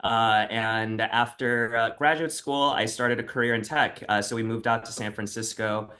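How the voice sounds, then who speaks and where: A man talking as an interview guest, halting and dotting his sentences with many "uh"s. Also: medium pitch, fairly even intonation, sharp tone. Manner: halting, full of "uh" fillers. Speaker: co-founder, guest.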